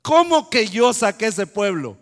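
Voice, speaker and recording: A preacher voicing a male prophet who loudly insists he is only following orders. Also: high-pitched, sing-song, unhurried, voice pushed up, exaggerated voice. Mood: indignant. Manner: loud, insistent protest. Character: defiant male prophet arguing with God. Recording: long hall reverb.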